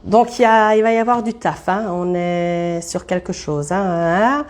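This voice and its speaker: Woman, chatty live card reader, soft warm tone, greets her viewers as she goes. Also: on the low side, a little slow. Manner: chatty, thinks aloud, greets viewers by name. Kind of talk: casual live-stream card reading.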